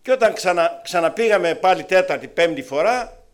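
Animated and lively, a man from Greece tells testimony stories while preaching a testimony sermon. His voice swings back and forth between loud and soft and shifts widely in pitch.

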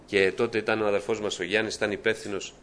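A man's voice: on the low side, little pitch movement, a bit bright, a little hiss or hum. A middle-aged man preaching a fervent testimony sermon, often calling out to his beloved brethren. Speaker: church preacher giving testimony.

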